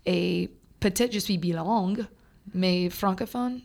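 This young French teacher from Louisiana, a native English speaker, chats as a podcast guest with lots of hesitation and fillers, dropping English words into her speech. She has a lowish, creaky, slightly mellow voice, and the talk is casual conversation.

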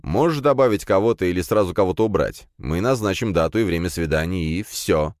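A man voicing a calm, kindly middle-aged noble father who speaks reassuringly, in an audiobook. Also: low-pitched, a little fast, no room sound, studio quality.

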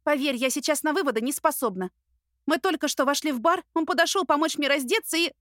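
A woman reading an audiobook, voicing a flustered, sharp-tongued young woman who speaks in agitated, rapid bursts. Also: high-pitched, dry recording, studio quality, voice pushed up. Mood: anxious. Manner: agitated, breathless, rapid complaints.

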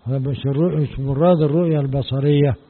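A man with an Egyptian accent teaching a religious commentary lesson, explaining slowly and posing questions to the audience before answering them. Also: medium pitch, steady tone. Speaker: sheikh teaching a Quran commentary. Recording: tinny lo-fi sound with long hall reverb.

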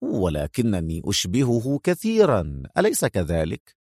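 A man voicing a calm, menacing male general who talks slowly in sarcastic, mocking tones, pitched below his own voice. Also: no room sound, studio quality.

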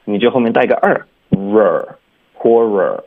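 Husky-voiced man teaching over a phone line. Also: on the low side, moderate pace. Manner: relaxed, explanatory, mixes English words into speech. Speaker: English teacher. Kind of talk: radio language lesson, explaining pronunciation.

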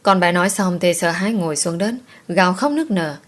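Woman narrator for romance audiobooks, steady and calm, lower register. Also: brisk.

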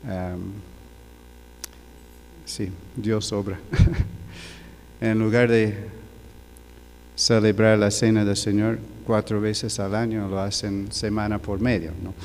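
An older man giving a sermon, telling a personal story in a slow, halting way with many fillers. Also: lowish voice, flat delivery, darkish tone, long reverb tail, slight background noise. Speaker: preacher. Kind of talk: sermon testimony.

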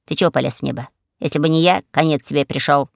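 A hoarse, cheeky parrot, as a man reading puts him on. He barks out brash retorts in a gravelly voice. The recording is dry and close. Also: a little high, steady tone, fast talker, no room sound, voice pushed down. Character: bold, rude male parrot.

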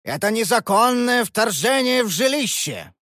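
A woman voicing a gruff, angry old man of grandfather's age who growls and scolds in an audiobook. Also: a little high, very animated, unhurried, fairly bright tone, no echo, studio quality, heavily acted. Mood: angry scolding. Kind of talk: audiobook character voice.

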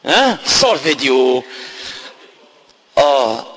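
A man with an Egyptian accent teaching a lesson on Quran recitation, explaining patiently and slowing down to chant the verses. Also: medium pitch, very animated, a bit bright, husky.

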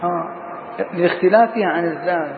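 A man's voice: high-pitched, fairly quick. Male sheikh lecturing on grammar, asks and answers his own questions; lo-fi, roomy recording with faint noise. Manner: questions students, then answers himself. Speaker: sheikh teaching Arabic grammar. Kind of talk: classroom grammar lesson. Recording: tinny lo-fi echoey hall recording.

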